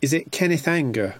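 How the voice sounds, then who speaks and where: A man's voice: medium pitch, a little mellow. A man chatting casually as a radio guest and producer, recorded on a handheld recorder like a dictaphone. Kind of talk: casual chat. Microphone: speaking into a recorder during a phone call.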